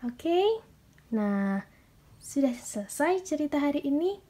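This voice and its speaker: A young woman with an Indonesian accent telling a Bible story to small children as a Sunday school teacher, in a coaxing, sing-song, drawn-out way. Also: high-pitched, sing-song, warm tone.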